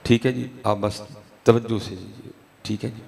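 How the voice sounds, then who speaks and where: A man preaches to a gathered crowd, his low voice rough with fry and held to a narrow range. He slips between slow chanted prayers and easy, chatty explanation. The hall's long echo rings after him over a faint hum of noise. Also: steady tone, darkish tone. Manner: conversational, repeats "ٹھیک ہے جی". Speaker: religious speaker. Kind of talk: sermon at a gathering. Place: religious gathering hall. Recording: echoey hall, faint background noise.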